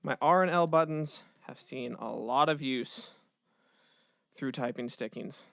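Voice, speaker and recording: A man, a music educator, casually walking through a software tutorial step by step, with the odd filler word. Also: medium pitch, unhurried, vocal fry, no room sound, studio quality. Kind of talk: screen-recorded software tutorial.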